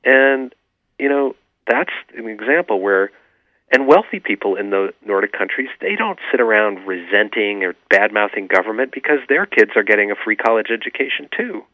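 A man's voice: on the low side, lively intonation, normal speed, no echo. A man, an author being interviewed, explaining his views earnestly and with many fillers. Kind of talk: remote radio interview. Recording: tinny phone line.

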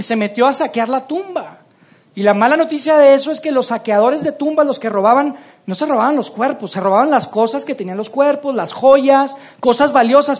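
A woman's voice: high-pitched, darkish tone. A woman preaching an Easter sermon, telling the story expressively and acting out the quoted lines.

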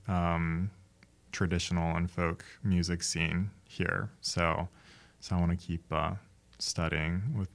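A young man from Japan speaks as a guest musician in a radio studio. His voice sits very low, and he talks in a considered way, often stopping to restart a sentence. He keeps a casual interview tone. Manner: thoughtful, pauses and restarts mid-sentence.

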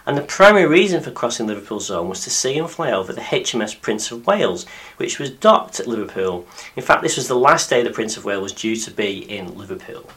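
A man with a deep, croaky voice, hoarse from illness, presenting a scripted podcast narration as a pilot and host. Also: very animated, fairly quick, a bit bright. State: croaky after a week of flu-like illness.

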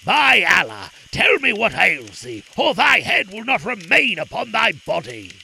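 A wrathful old sultan, voiced by a man reading aloud, barks his orders with booming force. His pitch leaps and falls as he commands, the tone bright and gravelly. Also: very animated, unhurried, exaggerated voice. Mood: commanding. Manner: booming, imperious.

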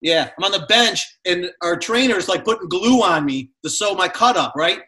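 A man's voice: high voice, lively intonation, normal speed, pushed and bright, rough recording. A man, a former player, casually telling stories and laughing as he goes. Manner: chatty, laughing, lots of "right?". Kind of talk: casual storytelling.

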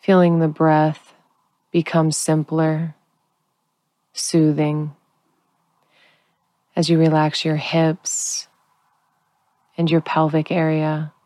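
A woman guiding a sleep meditation in a calm, soothing, unhurried sleep-story narrator manner, leaving long pauses. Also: sits low, no echo. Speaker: guided relaxation narrator.

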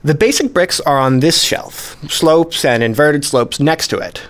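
In a radio play, an actor portrays a modest, precise male hobbyist collector who explains things methodically in scripted dialogue. His voice is on the high side, expressive, and a little slow.

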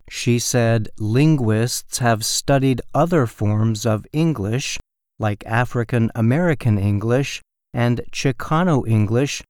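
A man reading a scripted educational report in a careful, measured and deliberate way. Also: mid-range voice, darkish tone, smooth, dry recording, studio quality. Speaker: narrator of a learning-English news report. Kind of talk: slow, careful scripted narration.

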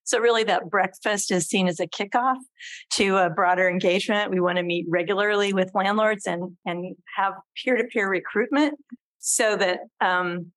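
A woman presenting at a public meeting, speaking in a halting way with many ums and uhs. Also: medium pitch, fairly bright tone, dry recording. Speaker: local housing official at a public meeting.

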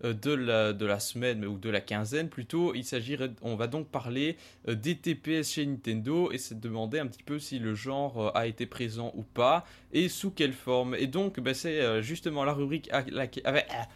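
A man's voice: mid-range voice, normal speed, few pauses. A man hosting a casual retro gaming podcast discussion, talking with many hesitant fillers. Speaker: podcast host.

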